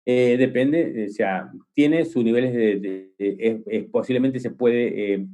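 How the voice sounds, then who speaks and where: A man's voice: medium pitch, a little slow, warm tone. A man giving a technical cybersecurity conference talk, enthusiastic and rambling, with frequent restarts and fillers and homely examples. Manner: enthusiastic, explains with vivid everyday examples.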